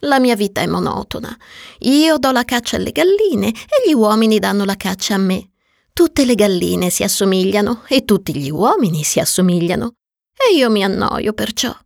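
A woman voicing a gentle, lonely, wistful female fox in a storybook reading, soft and patient, sometimes whispering, on a dry close mic. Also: mid-range voice, expressive, normal speed, vocal fry, no room sound, voice pushed up.

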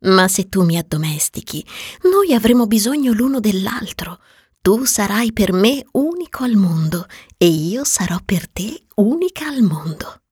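A woman voicing a gentle, lonely, wistful female fox in a storybook reading, soft and patient, sometimes whispering, on a dry close mic. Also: medium pitch, sing-song, moderate pace, husky, no echo, pitched above the performer's own voice.

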